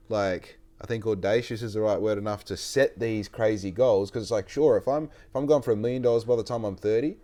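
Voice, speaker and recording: A man's voice: lowish voice, mellow. A man in his late twenties with an Australian accent, hosting a casual podcast chat and telling stories in a rambling, sweary way. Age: 20s. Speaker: podcast host.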